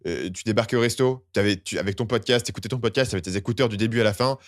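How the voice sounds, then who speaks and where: Young male podcast host, quick and animated, low-pitched, dry close mic. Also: no room sound. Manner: animated, slangy, acts out quoted complaints. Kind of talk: casual podcast chat.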